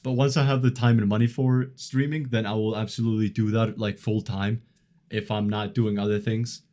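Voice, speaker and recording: A man's voice: on the low side, little pitch movement, normal speed, mellow. Laid-back young man streamer. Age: 20s. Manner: laid-back, chuckles often, filler-heavy rambling. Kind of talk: casual live-stream chat reading chat messages.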